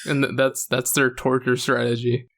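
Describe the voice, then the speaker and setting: A man's voice: mid-range voice, little pitch movement, normal speed, gravelly, fairly bright tone. A man co-hosting a podcast, casually recapping a story with many fillers and restarts. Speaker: podcast host. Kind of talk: casual chat.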